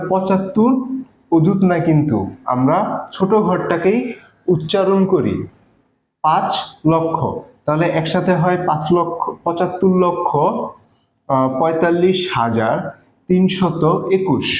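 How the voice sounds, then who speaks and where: A man's voice: a little high, a little hiss or hum. A man with a Bangladeshi Bengali accent teaching a math lesson step by step, patiently, with many fillers. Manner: patient, explains slowly with fillers. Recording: echoey room, dull lo-fi sound.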